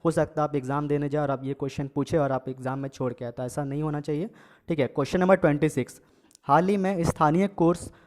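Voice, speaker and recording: In a casual quiz lesson, an exam coaching teacher with a higher-pitched, darkish voice quizzes his viewers. He reads out each question with its options, gives the answer, repeats the question, and sprinkles in filler checks like "okay."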